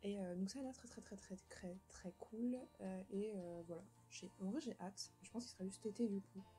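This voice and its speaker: A young book vlogger with a dark-toned, mid-range voice talks at normal speed about the books on her to-read list, rambling and self-mocking, with many fillers and restarts. Faint music sits behind the poor audio.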